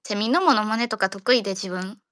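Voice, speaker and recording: A woman's voice: medium pitch, brisk, fairly bright tone, no room sound, studio quality. A woman with a Kansai accent hosting a casual audio chat room, joking around and rambling playfully. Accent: Kansai Japanese.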